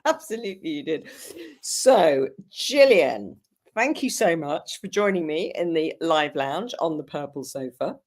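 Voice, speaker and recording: A woman's voice: deep voice, expressive, measured pace, a little mellow. An English woman hosting a live online chat show, bubbly and effusive with guests. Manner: bubbly, effusive, laughs often. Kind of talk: enthusiastic livestream chat.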